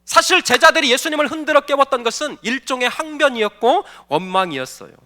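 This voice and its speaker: Male pastor in a church, very high bright voice with lively pitch swings, emphatic sermon delivery. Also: quick pace. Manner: emphatic preaching, asks the congregation questions. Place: church sanctuary.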